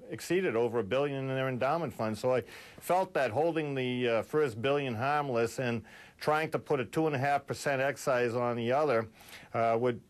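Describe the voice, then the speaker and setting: A man from Massachusetts, a state legislator answering interview questions in a halting way with many restarts. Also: medium pitch.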